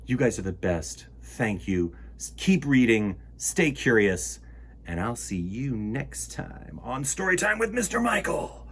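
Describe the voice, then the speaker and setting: A man runs a children's storytime, reading and talking to young listeners in a very animated, encouraging way. His voice is medium-pitched and his delivery a little slow.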